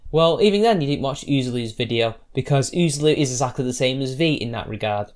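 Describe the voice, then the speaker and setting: This male YouTube commentator has a medium-pitched, slightly mellow voice with lively intonation and a quick pace. Answering posts, he gets combative and sarcastic, rambling loosely and restarting his sentences.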